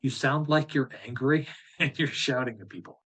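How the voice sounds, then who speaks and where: A man leading a live group coaching session in a blunt, fired-up way. He talks straight at his listeners and swears casually, with a voice of middling pitch. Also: moderate pace, fairly bright tone, husky. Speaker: business coach.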